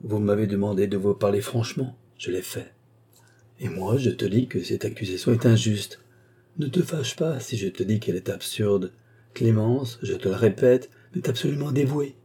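A man's voice: lowish voice, normal speed, dark tone, breathy edge. A man reading an audiobook, voicing a frail, stubborn and emotional old marquis in a raised voice. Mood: insistent. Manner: insistent, emotional.

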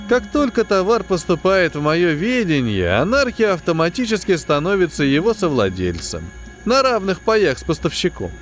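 A man reading an audiobook, voicing a plump, smug male space-station quartermaster who talks in a condescending, falsely sympathetic, drawn-out way. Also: sits high, voice pushed up. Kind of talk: audiobook character voice.

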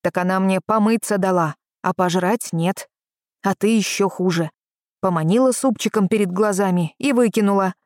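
A woman reading the lines of a gruff, wry old man in an audiobook, slow and drawling. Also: mid-range voice, darkish tone, dry recording, studio quality, lightly acted. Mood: grumbling.

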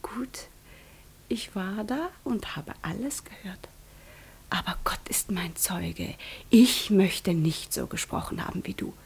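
A woman's voice: a little high, animated, moderate pace, slight background noise. An actress playing a proud young woman fresh from a convent in a radio drama, often dropping into a tense whisper. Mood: hushed intense. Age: young adult. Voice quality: breathy. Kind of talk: studio radio drama acting.

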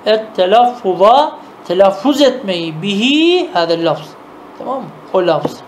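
High-voiced man teaching a traditional lesson. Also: big pitch swings, slight background noise. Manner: reads classical Arabic phrases, then explains them with quick rhetorical questions; patient and repetitive, checks understanding often. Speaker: teacher of classical Arabic grammar and logic. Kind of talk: traditional madrasa-style lesson.

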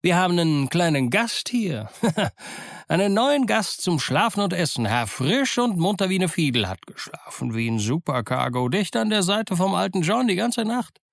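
A man's voice: sing-song, normal speed, vocal fry, no room sound, studio quality, full character voice. A man voicing a jovial, crafty one-legged old pirate cook who chatters cheerfully in a raised voice. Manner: cheery, chattering, high and bright.

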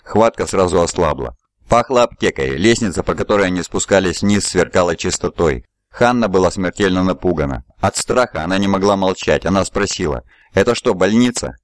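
A man narrating an audiobook in an even, measured reading voice. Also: sits low, no echo. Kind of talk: scripted narration.

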